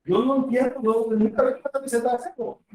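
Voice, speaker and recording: A man's voice: very high voice, steady tone, quick pace, dark tone. A man giving a medical lecture to a class in a conversational way, acting out short exchanges between doctor and patient. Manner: conversational, acts out patient dialogues. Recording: echoey room, far from the mic.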